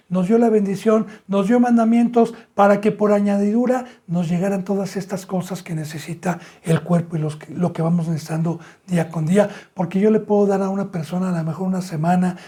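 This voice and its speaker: A middle-aged man preaching a sermon as pastor, asking his listeners rhetorical questions and calling them brothers and sisters, with sudden emphatic rises in pitch and volume. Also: dark tone, slightly rough.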